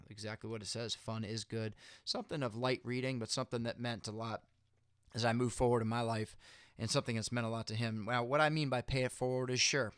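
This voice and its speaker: Man giving a clear-voiced motivational pep talk. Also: mid-range voice, no room sound, clean studio sound. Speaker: host of a motivational video series.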